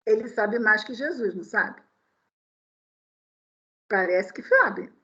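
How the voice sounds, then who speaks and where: A woman's voice: mid-range voice, takes it slowly. A woman lecturing at a spiritist meeting, telling stories and asking her listeners rhetorical questions. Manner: animated storyteller, full of rhetorical questions. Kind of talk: sermon-style talk with personal anecdotes. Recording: dull lo-fi recording.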